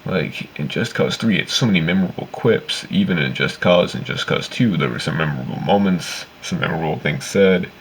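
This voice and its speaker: A man's voice: low-pitched, animated, fairly quick, few pauses, background noise. A man giving casual, opinionated game commentary in a rambling, sweary, complaining way. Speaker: video game reviewer.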